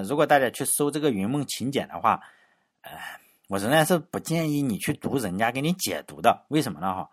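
Animated man giving a chatty history lecture. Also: medium pitch, slightly rough. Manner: chatty, full of rhetorical questions and fillers; wry, mocking asides. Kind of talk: casual spoken lecture.

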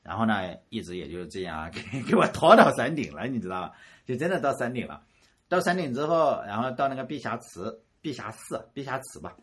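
A man from rural Shandong telling a personal story in a casual, animated way. He often repeats words and chuckles at himself. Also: mid-range voice, brisk, breathy edge. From Shandong, rural China.

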